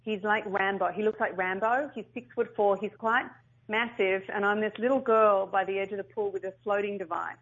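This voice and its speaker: A middle-aged woman who founded a business tells her story in an interview, speaking animatedly, frequently restarting and repeating herself, and acting out quotes. Her mid-range voice is fairly even in intonation, fairly quick, and a bit bright. The lo-fi recording sounds slightly dull.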